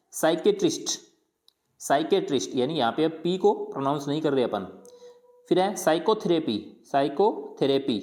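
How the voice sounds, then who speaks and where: A darkish, medium-pitched voice leads a patient pronunciation lesson. Speaking colloquially, the teacher asks something, answers it, and drills each word multiple times as part of the explanation.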